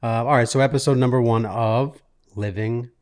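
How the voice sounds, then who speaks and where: A man in his late thirties hosting a casual podcast from a living room, telling a personal story in a halting, self-interrupting way. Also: medium pitch, steady tone, a little mellow. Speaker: podcast host. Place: makeshift studio in a living room.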